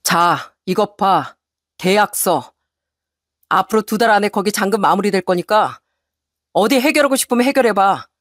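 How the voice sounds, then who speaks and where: A woman voicing a resolute husband who answers his wife in a cold, measured, firm tone. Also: mid-range voice, animated, no room sound, studio quality, close to an everyday voice. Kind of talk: story radio reading.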